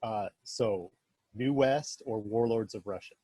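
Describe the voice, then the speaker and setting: A man hosts a casual interview, firing quick either-or questions in a friendly way. His voice is mellow and a little husky, and the recording is dry, with no room sound. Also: fairly low pitch, no echo. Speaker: interview host.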